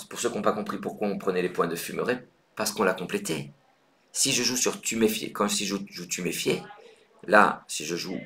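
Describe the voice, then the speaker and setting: Deep-voiced man teaching Scrabble live. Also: fairly bright tone, a little hiss or hum. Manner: explains patiently, thinks aloud with hesitations; counts points aloud briskly. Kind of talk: live online game lesson.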